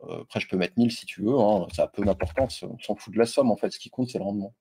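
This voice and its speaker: A man's voice: on the low side, fast talker, dark tone, breathy edge. A man hosting an investing video, talking casually and directly to the viewer with lots of fillers and crude slang. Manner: loose and chatty, frequent fillers and crude slang; addresses viewer directly and informally. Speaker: stock investing video host. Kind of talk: casual screen-share investing explainer.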